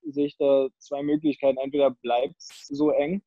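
This interview guest is a young handball player from around Kiel in northern Germany, speaking casually via earbuds on a video call and hesitating with fillers and restarts. He has a mid-range, dark-toned voice with little pitch movement at normal speed. The recording is muffled, without echo.

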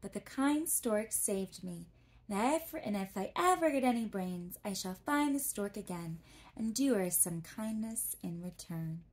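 A woman's voice: mid-range voice, animated, measured pace, natural voice. Cheerful grateful scarecrow guy from a storybook, a woman voicing him, whispered role-play. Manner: soft-spoken. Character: grateful cheerful straw-stuffed scarecrow man.

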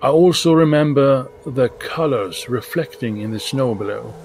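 A man from Sweden with a Swedish accent, calmly telling his own story in a recorded voice message. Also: medium pitch, moderate pace, vocal fry, slight background noise. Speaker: listener sharing a story.

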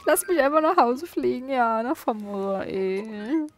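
Chatty, giggly woman gamer, rather high. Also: a little slow, soft background music. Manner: chatty, giggly, talks to game characters. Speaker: gaming YouTuber. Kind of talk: casual gameplay commentary.

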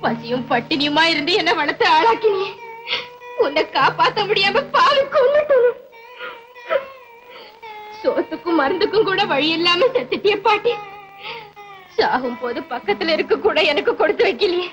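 A poor orphaned young woman, tearful and despairing, pleads in a very high, strained voice. She sobs through every line of this old film melodrama. Faint music runs under the soundtrack. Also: big pitch swings, moderate pace, pauses often, fairly bright tone, highs cut off, full character voice. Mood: grieving. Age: young adult. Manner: sobbing, despairing pleas. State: crying. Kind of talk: 1960s Tamil film melodrama.

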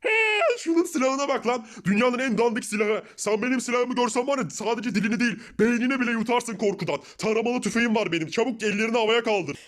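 A man doing fast-talking boastful thug. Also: very high-pitched. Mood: bossy. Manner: mocking and bossy. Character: pushy young male street thug, boastful. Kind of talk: Minecraft parody voice acting.

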